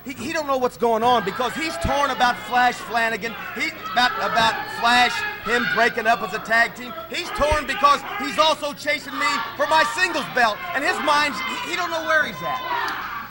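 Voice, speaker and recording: A male wrestling commentator with a very high voice talks down to his partner, naming holds with smug certainty. A loud arena crowd fills the background. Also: normal speed, heavy background noise. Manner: cocky, lecturing, corrects his partner. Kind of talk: heel color commentary.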